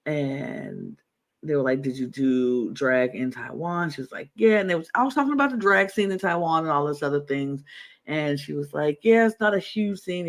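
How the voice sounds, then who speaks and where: A man co-hosting a podcast, chatting casually and enthusiastically, rambling and repeating himself. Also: a little high. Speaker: podcast co-host. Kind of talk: casual chat.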